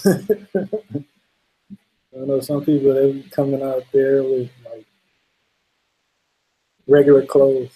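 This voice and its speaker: A man's voice: mid-range voice, completely flat delivery, takes it slowly, long pauses, mellow, slightly rough, rough recording. A man hosting a casual late-night livestream, laid-back and laughing often as he reads out viewer comments. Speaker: livestream host.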